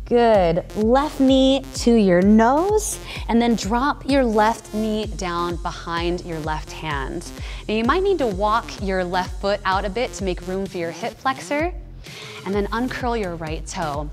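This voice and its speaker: Upbeat woman trainer cueing yoga moves. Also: mid-range voice. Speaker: fitness trainer. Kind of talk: guided yoga instruction. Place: large indoor home gym studio.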